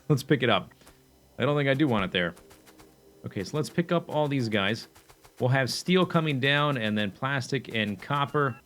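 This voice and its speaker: A man's voice: mid-range voice, fairly bright tone. Man musing aloud over a factory game. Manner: thinking aloud, chatty, with fillers and self-corrections. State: hiccuping. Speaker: gameplay commentator. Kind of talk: casual let's play commentary.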